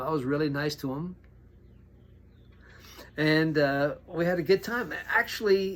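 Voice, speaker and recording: A middle-aged pastor telling personal stories in an animated way, sometimes dropping to a near whisper. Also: male voice, on the high side, a little hiss or hum. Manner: animated, acts out quoted voices, drops to a near whisper at tense moments. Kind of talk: storytelling monologue.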